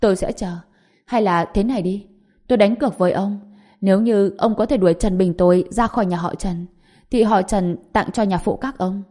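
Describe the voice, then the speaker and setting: Brief: a woman voicing a cold young clan heir, curt and menacing, soft warm tone. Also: medium pitch, moderate pace, natural voice.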